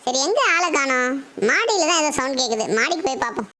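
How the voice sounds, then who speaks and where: An adult voicing a cheeky, mischievous little boy in a game role-play, chatty and quick to scold, with loud game music behind. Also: high voice, expressive, full character voice. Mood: grumbling.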